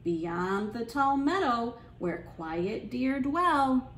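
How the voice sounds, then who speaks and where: A librarian hosts an interactive children's storytime, reading aloud and leading songs in a sing-song, encouraging way and pausing to ask young listeners questions. Her fairly high, bright voice is very animated, captured with roomy sound and a little hiss or hum.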